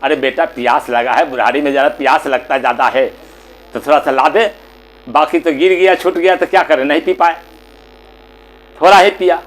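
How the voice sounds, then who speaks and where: A man voicing a frail elderly mother who coaxes and pleads softly with her son. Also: high-pitched, fairly even intonation, normal speed, pauses often, close to an everyday voice, rough recording. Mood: pleading. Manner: soft, coaxing and gently insistent.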